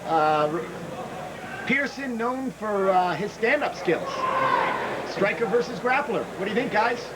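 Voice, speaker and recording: A man giving live play-by-play fight commentary in short, excitable phrases. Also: high voice, measured pace. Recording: very noisy arena, loud crowd.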